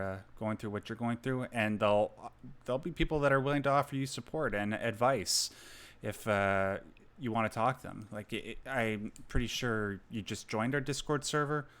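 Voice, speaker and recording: A man's voice: fairly low pitch, fairly bright tone, clear, resonant tone. A man hosting a podcast, talking casually and encouragingly to a guest. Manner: encouraging, supportive. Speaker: podcast host. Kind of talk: casual chat.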